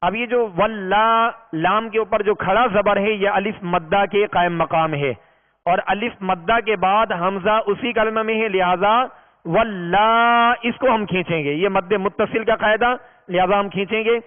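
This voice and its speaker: A man's voice: high voice, fairly even intonation, normal speed. A man teaching Quran recitation in a patient, step-by-step way, drawing out long vowels as he demonstrates. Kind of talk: recorded tajweed lesson. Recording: tinny, reverberant lo-fi recording.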